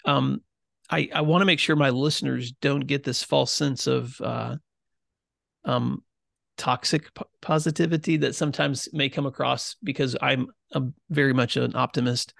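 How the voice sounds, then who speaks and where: A man's voice: medium pitch, steady tone, moderate pace, gravelly, a bit bright, no echo, clean studio sound. A man hosting a podcast who speaks earnestly and encouragingly to his listeners, with many fillers. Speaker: podcast host. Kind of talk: casual interview chat.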